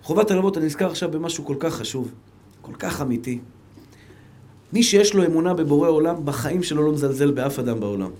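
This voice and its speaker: A male rabbi with an Israeli accent giving a fervent Torah lecture, dropping to soft low asides and then rising to emphatic calls. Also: lively intonation.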